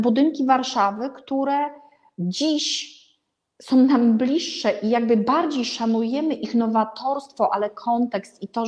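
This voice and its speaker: A middle-aged woman from Warsaw, Poland, who presents an art and architecture vlog, gives an informal spoken review to camera. Her voice is a little high and a little mellow, and she searches for words while leaning emphatically on key ones, in a small indoor room with paintings and a bed.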